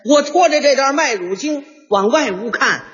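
A man performs comic crosstalk with theatrical, rhythmic punchlines. His voice sits very high and swings widely in pitch. The old stage recording is dull and carries a long hall reverb. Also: lively intonation, moderate pace, fairly bright tone. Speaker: lead crosstalk comedian.

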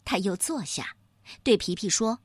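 A woman narrating a children's storybook in a slow, expressive storytelling manner. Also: medium pitch, breathy edge, no echo, studio quality.

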